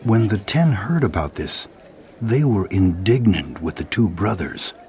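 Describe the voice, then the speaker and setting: A man narrating a dramatized Bible reading in a steady, clear storytelling manner. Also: lowish voice, a little slow. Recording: narration over music bed.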